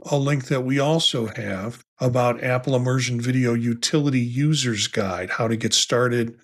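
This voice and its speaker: Here a man co-hosts a casual tech podcast at a mid-range pitch, talking into a podcast mic. He rambles, restarts his sentences and drifts into asides as he goes. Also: moderate pace. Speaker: podcast co-host.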